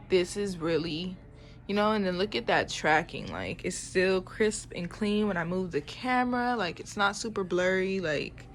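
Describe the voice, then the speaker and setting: A woman in her twenties chatting casually to camera in a home vlog, talking freely with lots of fillers and playful exclamations, recorded on a phone camera. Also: fairly low pitch. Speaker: vlogger. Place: at home, indoors.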